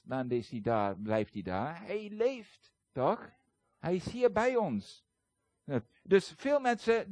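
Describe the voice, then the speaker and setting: A man with a high, bright-sitting voice preaches in a lively, chatty way, stumbling over fillers now and then. He slips into the voices of the people he quotes as he tells his stories. The sound is dry and close, with no room around it. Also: no room sound. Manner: animated storytelling, acts out quoted voices; conversational, frequent hesitations. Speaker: guest preacher. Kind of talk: sermon.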